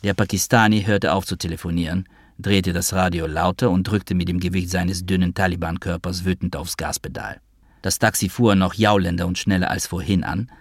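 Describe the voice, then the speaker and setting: A man narrating an audiobook in a measured, dry storytelling manner. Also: deep voice, no room sound.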